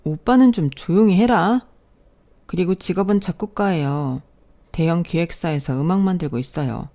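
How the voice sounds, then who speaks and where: A woman voicing a stubborn young daughter in her twenties who insists in a raised, higher voice, in a narrated story drama. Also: a little fast, dark tone. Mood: insistent.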